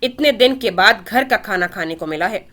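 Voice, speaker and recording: A woman's voice: mid-range voice, expressive, moderate pace, pushed and bright. A woman voicing a playful, affectionate young male pilot in a storybook reading. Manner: teasing, affectionate.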